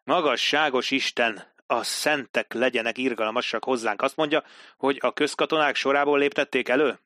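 A haughty army captain with a sharp, mocking edge, drawn out in a raised voice for an audiobook, as a male narrator puts him on. The tone stays forceful and close, with no room around it. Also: mid-range voice, dry recording, close to an everyday voice. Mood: sardonic. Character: pompous, sardonic male British army captain.

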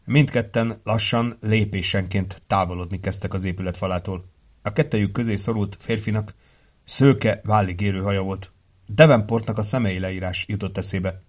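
A man reading a crime novel aloud in a measured way, acting out the dialogue. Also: fairly low pitch, fairly even intonation. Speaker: audiobook reader. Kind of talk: scripted narration of a crime novel.

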